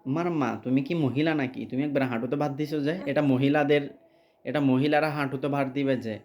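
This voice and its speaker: A man teaching recitation and prayer one-on-one, patiently correcting his pupil and repeating phrases slowly. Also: mid-range voice, steady tone, a little mellow.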